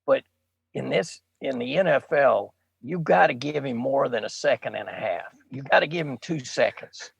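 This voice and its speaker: Gravelly husky man, blunt sports takes, lo-fi dry mic. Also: mid-range voice, expressive, moderate pace, dry recording. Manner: blunt, plainspoken. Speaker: podcast co-host. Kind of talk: casual sports chat.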